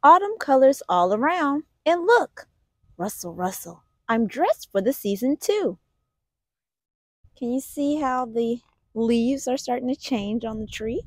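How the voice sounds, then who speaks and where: Reading a children's picture book, a woman swoops through the lines with great animation, taking her time in an expressive storytelling manner. Her pitch is a little high and her pace measured, while the recording sounds close and dry with no echo from the room.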